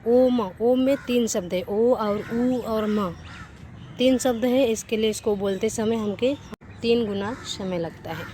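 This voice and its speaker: A woman's voice: fairly high pitch, moderate pace, dark tone, a little hiss or hum. A woman teaching a grammar lesson, sounding out letters one by one and restarting her sentences as she goes. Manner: repeats and corrects herself mid-sentence.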